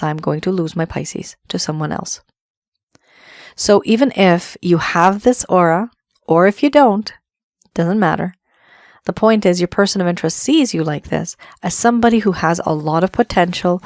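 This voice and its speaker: A woman's voice: on the low side, darkish tone, no echo, studio quality. A woman giving an earnest tarot reading, her voice still worn from the flu, repeating phrases for emphasis. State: voice affected by flu. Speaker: tarot reader.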